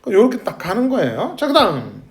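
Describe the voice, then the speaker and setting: A man's voice: high-pitched, fast, gravelly. A man teaching an English grammar lesson to a middle school class, constantly quizzing his students and calling on them by name. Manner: lively, questioning students constantly. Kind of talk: classroom lecture.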